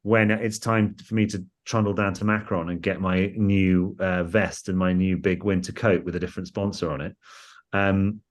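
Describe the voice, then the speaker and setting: A man's voice: sits low, flat delivery, moderate pace. A man with a posh English home counties accent, chatting in a rambling, self-deprecating, enthusiastic way as he tells stories in an interview. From England, home counties. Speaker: interview guest, football club staff. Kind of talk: casual conversational storytelling.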